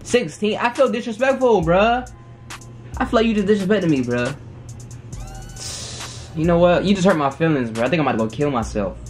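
A man's voice: high-pitched, a little fast, long pauses, a little mellow, soft background music. A young man in his twenties, chatting with strangers on a video app in brash, teasing, slangy banter. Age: 20s. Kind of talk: casual video chat. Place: small room indoors.

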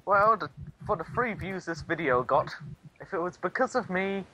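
A man's voice: sits high, expressive, normal speed, bright, forceful tone, no room sound, rough recording. A young man joking around as co-host of a casual gaming chat. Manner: joking, playful.

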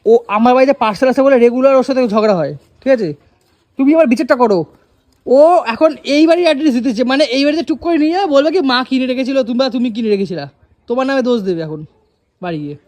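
A woman vlogger, scolding and questioning rapidly in a scripted family skit. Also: sits high, expressive, a little mellow. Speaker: vlogger, older relative.

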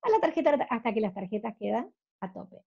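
Sixties woman, Rioplatense accent, direct encouraging mentor, husky headset audio on a call. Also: fairly high pitch, very animated, fairly quick, dark tone, dull audio. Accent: Rioplatense Spanish. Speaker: host and mentor. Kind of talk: coaching group video call. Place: home office. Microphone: headset on video call.

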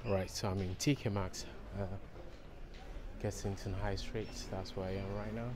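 A man's voice: low-pitched, flat delivery, normal speed, background noise. A man in his forties chatting casually to viewers as he films a shopping vlog with a handheld camera. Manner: chatty, fillers, talks to viewers. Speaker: vlogger. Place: clothing store and busy street. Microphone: handheld camera at arm's length.

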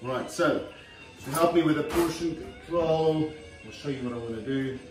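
A middle-aged man who used to fight as a heavyweight chats casually while showing how to cook in his home kitchen, his voice a little high and his pace normal. He's plain-spoken and talkative, full of fillers and "okay." A camera set across the counter picks him up from afar, so the kitchen sounds roomy and distant, with faint music behind.

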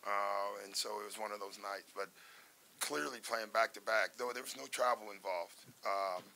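An older man speaks as a basketball coach at a postgame press conference, relaxed and measured, leaning on fillers and restarts. His voice sits fairly low yet carries a bright, present edge. A faint hiss runs under the table-mic recording. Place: press room in front of a sponsor backdrop. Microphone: table microphone in front of him.

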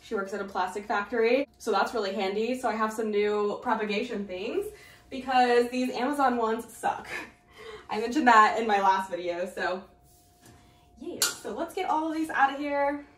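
This young woman's voice runs on the high side at a normal speed as she chats casually to camera for her channel. She's indoors in a small tiled bathroom, and the camera a few feet away makes the audio sound distant and echoey.

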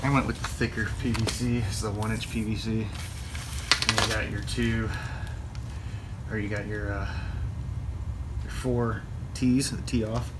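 A young man talks through a do-it-yourself build in a loose, rambling way, leaning on fillers and restarts. His voice sits fairly low and stays flat in tone. A phone on the garage floor catches him with loud background noise all around. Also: unhurried, pauses often. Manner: rambling, laid-back, lots of fillers. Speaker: fishing channel host. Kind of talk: casual DIY walkthrough. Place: open garage.

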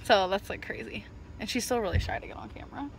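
A woman's voice: mid-range voice, fast talker, gravelly, background noise. A woman, chatting casually to her phone camera in a vlog, giggling as she talks. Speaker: vlogger. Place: parked car, home and store. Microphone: phone camera at arm's length.

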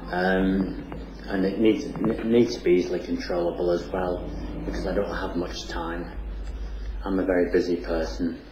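A man answering interview questions about staying warm after runs, stumbling and repeating words, heard through a low-quality stream. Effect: low-quality streamed audio, muffled and lo-fi. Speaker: runner in an interview. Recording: muffled lo-fi roomy recording, faint hiss.

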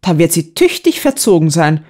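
A woman's voice: low-pitched, sing-song, moderate pace, mellow. Woman reading a stubborn, grumbling elder son. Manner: grumbling, mock-solemn. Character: stubborn young man, the elder son, dramatic.

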